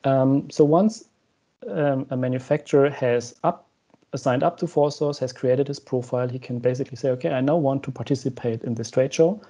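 A man's voice: mid-range voice, normal speed, warm tone. A young man, a company co-founder, explaining a product step by step on a video call, with frequent "um" fillers. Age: young adult. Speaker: guest, co-founder of the company discussed. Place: room at home with shelves, indoors. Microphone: wired earphone headset mic.

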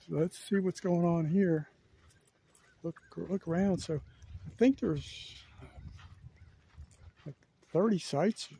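Here a man with a high-pitched yet dark and husky voice walks through a campground as a vlogger, filming on a handheld camera outside. His narration is casual and thought-out-loud, packed with fillers.

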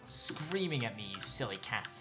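A young man giving excitable let's play commentary, gushing over and talking to the animals in his game. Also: medium pitch, normal speed, music in the background. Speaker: gaming YouTuber.

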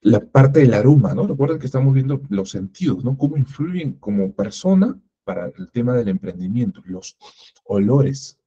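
Man, workshop instructor, lively pitch, husky dark voice, muffled lo-fi recording. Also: moderate pace. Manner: animated, acts out little everyday dialogues. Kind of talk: lecture with rhetorical questions.

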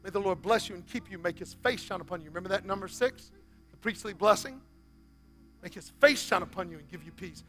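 Soft music sits under this sermon, delivered briskly by a high-pitched male pastor in his forties on a church stage. His delivery shifts from booming exhortation to hushed, near-whisper pleading.

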